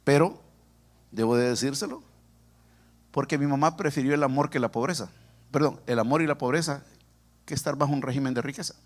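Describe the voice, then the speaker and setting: A man's voice: medium pitch, brisk, pauses often. A man from El Salvador with a Salvadoran accent, a pastor preaching and telling his own story to the congregation with humor. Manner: humorous, animated, addresses the congregation directly. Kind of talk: sermon with personal testimony. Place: church sanctuary.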